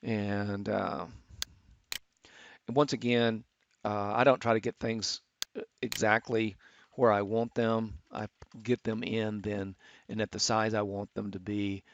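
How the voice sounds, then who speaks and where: A middle-aged man teaching architecture students, talking through a software tutorial with many fillers and restarts. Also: fairly low pitch, little pitch movement, takes it slowly. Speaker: architecture instructor. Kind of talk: screen-recorded software tutorial. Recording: dull, lo-fi screen capture.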